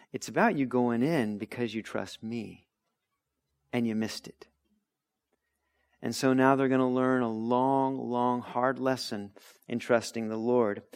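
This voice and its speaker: A mid-pitched man preaching in a relaxed, conversational way. He teaches through the scripture with energy and often slips into acted-out voices with big jumps in pitch. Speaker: preacher teaching a Bible book. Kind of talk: conversational sermon.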